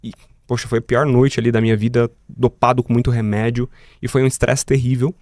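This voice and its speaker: A man's voice: mid-range voice, little pitch movement, fairly quick, a little mellow, no room sound. A man with a Brazilian accent, a guest in a podcast studio, telling a personal story vividly and acting out the dialogue. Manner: vivid, talks to the host as "cara", acts out the dialogue.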